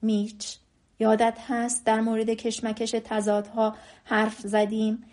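A woman reading the lines of a frail, dying old man, gentle and wise, in a soft, quiet voice. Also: a little high, completely flat delivery, close to an everyday voice.

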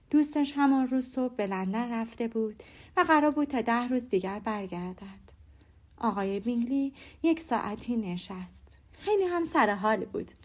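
A woman narrating a classic novel as an audiobook in a calm, measured storytelling manner. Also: a little high. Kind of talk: scripted narration.

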